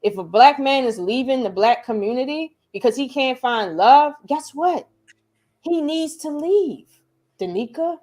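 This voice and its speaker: A woman hosting a casual reaction chat, talking in a blunt, profane and animated way. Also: high-pitched, measured pace. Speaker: host.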